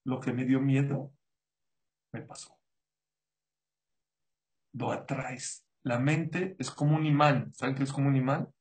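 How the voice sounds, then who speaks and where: A man giving a sermon as a rabbi, animated, acting out the voices he quotes. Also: medium pitch, a little slow, long pauses, rough recording.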